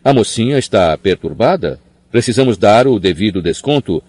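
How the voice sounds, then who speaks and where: A man's voice: on the low side, animated, normal speed, a little mellow, no room sound. A man reading an audiobook, voicing a fussy, anxious male minister who sounds flustered and patronizing. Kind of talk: audiobook character voice.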